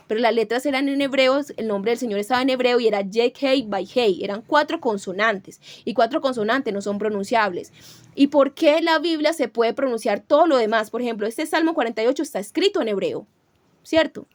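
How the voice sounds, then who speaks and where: A woman preaching a sermon, her voice a little higher than most. She teaches by asking rhetorical questions and slows into a careful, measured pace when she reads scripture. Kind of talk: sermon with Bible reading.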